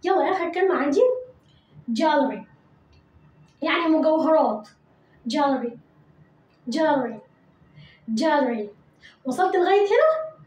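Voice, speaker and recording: High-voiced Egyptian woman teaching English words. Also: sing-song, a little mellow, echoey room, poor audio. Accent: Egyptian Arabic. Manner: repeats each word slowly, coaxing pupils to say it after her. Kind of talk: vocabulary lesson for children.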